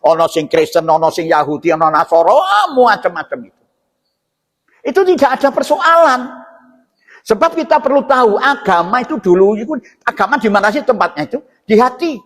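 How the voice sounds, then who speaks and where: Inside a mosque, a Javanese-accented man with a high, lively voice gives an informal sermon at a fairly quick clip, his tone fairly bright. He explains scripture like a teacher, tossing out rhetorical questions and check-in tags, and the hall's reverb carries his words.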